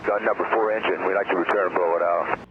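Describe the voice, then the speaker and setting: A man speaking as a pilot over a cockpit radio transmission, answering air traffic control in calm, brief replies. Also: deep voice, quick pace. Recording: tinny air traffic radio recording with static.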